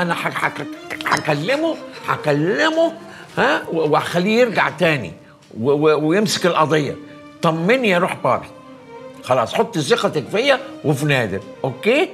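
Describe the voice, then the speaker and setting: A man's voice: on the high side, fairly bright tone. An actor playing a flirtatious father who talks in a playful, teasing way, with an Egyptian accent. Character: flirtatious middle-aged father.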